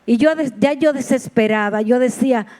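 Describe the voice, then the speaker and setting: A woman's voice: a little high, normal speed, darkish tone. A woman preacher giving a sermon in a heartfelt, personal storytelling manner, with repeated exclamations. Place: church sanctuary.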